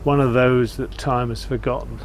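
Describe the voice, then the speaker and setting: An older man with an English accent talks to camera in an unhurried, chatty way. His voice is mid-pitched and plain-spoken. He is recorded outdoors, with some ambient noise around him. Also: steady tone. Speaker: vlog host. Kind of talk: casual chat to camera, recounting a trip. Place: outdoors, seated beside a narrowboat.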